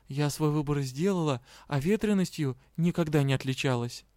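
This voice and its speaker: A man's voice: a little high, moderate pace, mellow, no echo, clean studio sound, natural voice. A man reading an audiobook, voicing a bold young female magic student. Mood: firm.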